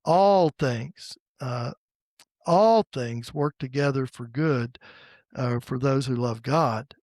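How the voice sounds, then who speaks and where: A man in his sixties from the United States, hosting a podcast in a casual faith conversation and pausing often with fillers and restarts. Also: medium pitch, darkish tone, no echo, studio quality. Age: 60s. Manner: halting, with many fillers and restarts. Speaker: podcast host.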